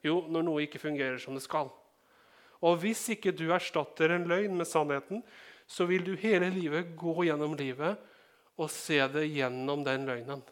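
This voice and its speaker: A man's voice: fairly high pitch, steady tone. A man from Norway preaching a sermon in a conversational way, checking in with the congregation and adding joking asides. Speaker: pastor.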